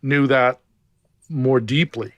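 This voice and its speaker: A man co-hosting a podcast, speaking in a reflective, halting way. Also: medium pitch, a bit bright, dry recording. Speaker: podcast co-host. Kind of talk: casual conversation.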